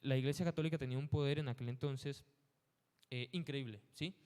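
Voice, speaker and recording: A man preaching a Bible lesson, animated and rhetorical, acting out quoted speech. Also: mid-range voice, fairly quick, smooth, long reverb tail. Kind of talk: sermon.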